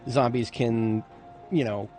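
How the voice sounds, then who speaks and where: A man's voice: medium pitch, fairly even intonation, slow pace, dark tone, faint music behind. A man giving casual, rambling commentary on a game as a streamer, with playful, self-mocking remarks. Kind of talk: casual let's-play commentary.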